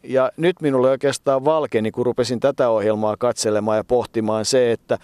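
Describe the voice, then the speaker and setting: A man's voice: medium pitch, steady tone, darkish tone, clear, resonant tone, no room sound. A man hosting a talk show, reflecting thoughtfully on a radio writer's career. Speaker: host. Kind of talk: casual talk.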